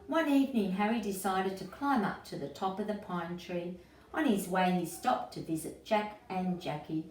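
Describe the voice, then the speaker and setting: A woman of medium pitch and a slightly mellow quality brings a children's storybook to life, talking to young listeners like an educator and asking them things. There's faint noise, and the far-off mic gives a roomy echo.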